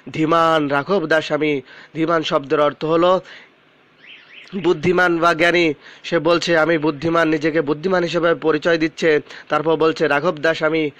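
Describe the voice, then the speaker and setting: A male teacher explaining a classic poem word by word, reading each verse line slowly before glossing it. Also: fairly high pitch, fairly bright tone, no room sound.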